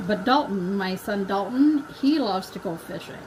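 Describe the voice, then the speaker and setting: A woman's voice: medium pitch, expressive, moderate pace, background noise. A middle-aged woman hosting a live craft stream, chatting casually with viewers and talking to herself as she paints. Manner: chatty, talks to herself and to viewers, laughs at her own slips.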